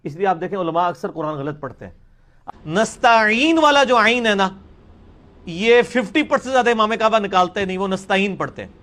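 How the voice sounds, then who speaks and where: A middle-aged man giving a combative, boastful talk, breaking into slow drawn-out Quran recitation. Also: sits high, a bit bright. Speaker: religious speaker answering critics.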